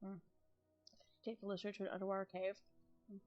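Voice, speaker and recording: Tired young woman streamer chatting casually, rambly, laughs a lot, mid pitch. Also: completely flat delivery, fast, highs cut off, soft background music. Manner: rambling, thinking out loud, laughs often. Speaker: ASMR streamer. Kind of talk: casual chat on a live stream.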